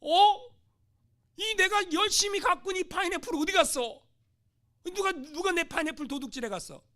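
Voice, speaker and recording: A man's voice: high voice, big pitch swings, fairly quick, pushed and bright, full character voice. A man voicing an indignant male missionary who keeps exclaiming his complaints, in a sermon story.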